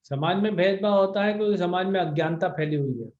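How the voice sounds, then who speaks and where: A man's voice: sits high, a little fast, a little mellow, lo-fi sound. A man, a spiritual teacher, answering devotees' questions on a video call in a blunt, scolding way with English words mixed in. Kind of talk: devotional Q&A discourse.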